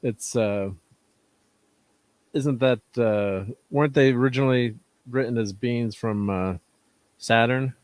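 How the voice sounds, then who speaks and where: A man hosting a casual chat about comics, rambling and halting, often laughing. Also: medium pitch, no room sound. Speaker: host.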